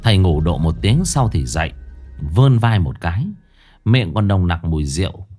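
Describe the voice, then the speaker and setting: A man narrating a ghost story in a lively, folksy, expressive way. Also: low-pitched, moderate pace, soft background music.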